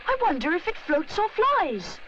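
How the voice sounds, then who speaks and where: A woman's voice: extremely high pitch, huge pitch swings, moderate pace, muffled recording, noisy background, pitched above the performer's own voice, exaggerated voice. A woman voicing an eager, kind and curious young boy bear for a children's cartoon story, earnest and full of exclamation.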